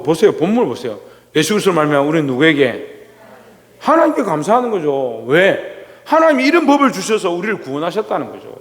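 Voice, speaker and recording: A man preaching a sermon as pastor. He keeps asking the congregation questions and answering them himself, and he swings between loud, rising exclamations and low asides. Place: church sanctuary. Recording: long reverb of a church hall.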